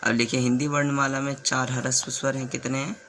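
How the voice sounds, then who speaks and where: A man teaching the alphabet in a slow classroom way. He repeats sounds, asks the class questions and writes on a board as he goes. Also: mid-range voice, little pitch movement, pushed and bright, a little hiss or hum. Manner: stops to write on a board while talking. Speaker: Hindi teacher.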